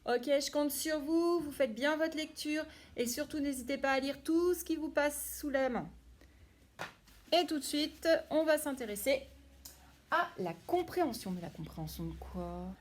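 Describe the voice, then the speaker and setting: A woman's voice: sits high, unhurried. A woman, a primary school teacher, giving a phonics lesson to young children and praising each one by name.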